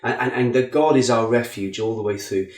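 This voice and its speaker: A man giving an earnest Bible teaching talk as a preacher, lifting his voice for emphasis. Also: brisk. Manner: earnest, rising in pitch for emphasis. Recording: echoey room.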